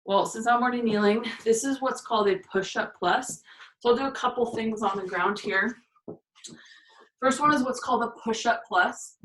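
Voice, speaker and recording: A female fitness instructor with a fairly high, bright voice talks at a normal pace through shoulder and core exercises as she performs them, slightly breathless and counting reps. It's an exercise demonstration picked up by a distant camera mic in an echoey room, with a bit of hiss or hum.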